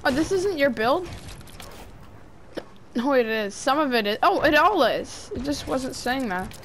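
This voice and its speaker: Woman gaming and chatting, high voice, slow easy pace, faint noise behind. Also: expressive. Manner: chatty, restarts often, bursts into shouting. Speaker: gamer. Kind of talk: casual gameplay chat.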